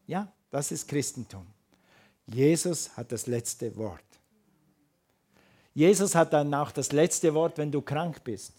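A man's voice: fairly high pitch, a little mellow. A man from Switzerland preaching a sermon, building emphatic repetitions and rhetorical questions to a congregation.

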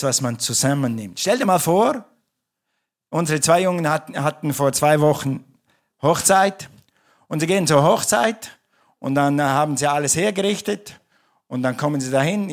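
A man preaching a sermon in German to his congregation, talking in a conversational way with frequent restarts and self-corrections. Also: fairly high pitch. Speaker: pastor. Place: church.

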